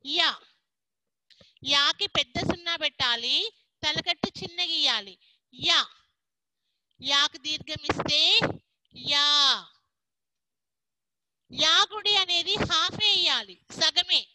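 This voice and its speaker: A woman's voice: high-pitched, a little slow, background noise. A woman teacher, giving a patient online class to young children and mixing in English words. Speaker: primary school teacher.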